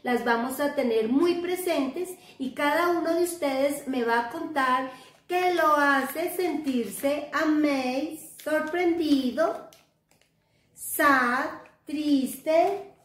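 A woman's voice: high-pitched, drawn-out words. A Colombian woman teaching kindergarten children in a recorded remote class, sing-song and coaxing, often checking with the kids. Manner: sing-song, coaxing, asks "¿cierto?" a lot. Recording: echoey room.

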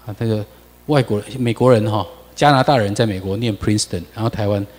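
A man with a Taiwanese accent giving a lecture over slides, animated and full of rhetorical questions to the audience. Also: lowish voice, a little fast, long reverb tail.

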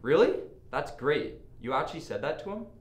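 A teenage boy acting in a student film, playing a calm, level-headed student who talks in a matter-of-fact way. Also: fairly high pitch, brisk. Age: teens. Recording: noisy amateur school video.

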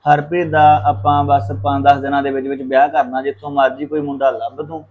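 A man's voice: medium pitch, flat delivery, a little fast, highs cut off, a little hiss or hum, natural voice. An actor playing a hot-tempered young brother who harshly orders his family around to force his sister's marriage. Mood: angry. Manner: harsh, threatening, commanding. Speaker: angry brother. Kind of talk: Punjabi short-film drama.

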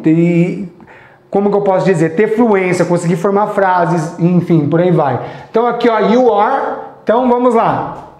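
A Brazilian man teaching English on a live stream, chatty and encouraging, slowly repeating example phrases. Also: sits high, a little mellow, reverberant. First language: Portuguese. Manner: sings snippets of songs to teach. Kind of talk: live online English lesson.

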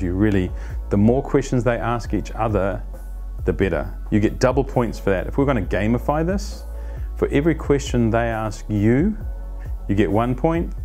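Relaxed low-voiced man coaching on camera. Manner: animated, gestures while explaining, conversational. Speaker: agile coach. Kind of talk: explanatory talk to camera. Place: plain studio against a light wall. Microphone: lapel mic.

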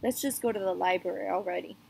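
A woman voicing a bored, easygoing ten-year-old boy who talks in a flat, offhand way. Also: medium pitch, fast talker, creaky, slight background noise, rough recording. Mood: fed up.

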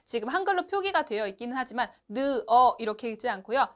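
A woman teaching a beginners' Chinese lesson, explaining clearly and asking the learners to repeat after her. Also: fairly high pitch, expressive. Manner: slow, clear instruction with drawn-out model syllables; addresses learners directly and asks them to repeat. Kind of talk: online lesson.

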